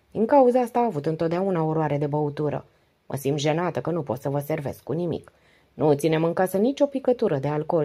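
A woman's voice: low-pitched, dark tone, slightly rough, heavily acted. Woman reading as a talkative, devoted middle-aged wife. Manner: long, flowing confiding speech. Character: 48-year-old wife, talkative, devoted, weary.

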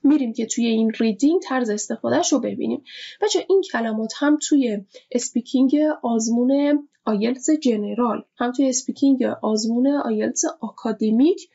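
A woman teacher giving a vocabulary lesson, explaining words slowly and repeating each one with its meaning. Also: a little high, creaky, warm tone, husky. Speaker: English teacher. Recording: dull lo-fi recording.

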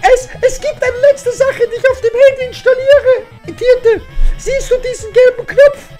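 A woman voicing a nervous, nerdy female lizard scientist who talks high and stammers. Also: fairly even intonation, unhurried, dark tone, soft background music. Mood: excited.

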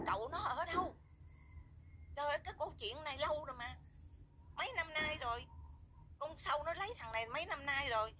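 A woman's voice: sits high, background noise. A woman, an outraged viewer scolding and repeating herself as she rants. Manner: indignant, scolding, repetitive. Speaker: viewer voicing complaints. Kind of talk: angry spoken rant.

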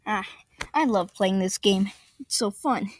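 A woman playing out a toy battle aloud, excitable, with sudden yelps and mumbled asides, coughing now and then. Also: medium pitch, a little slow, background noise.

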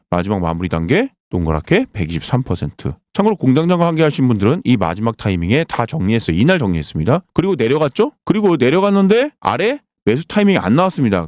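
Emphatic man with wildly swinging pitch. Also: darkish tone, no echo, studio quality. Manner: emphatic, quizzes listeners with rhetorical questions and answers them himself. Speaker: crypto channel host. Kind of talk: sales-pitch chart walkthrough.

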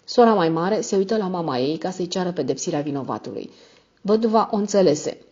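A woman narrating a classic novel as an audiobook, in a measured, dramatic storytelling manner. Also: on the low side, lively intonation, warm tone, breathy edge. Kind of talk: scripted narration. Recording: dull lo-fi audio.

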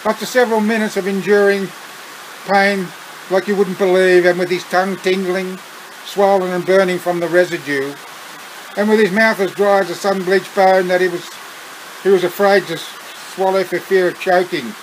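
A man's voice: sits high, steady tone, slight background noise, poor audio. Australian man reading his own story. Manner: unhurried, with chuckling asides.

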